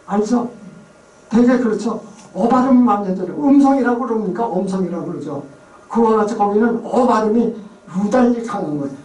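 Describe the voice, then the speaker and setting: A man's voice: high-pitched, a little fast, darkish tone. A man giving an informal, chatty lecture who often imitates regional pronunciations. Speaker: lecturer on place names. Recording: echoey room, mic far away.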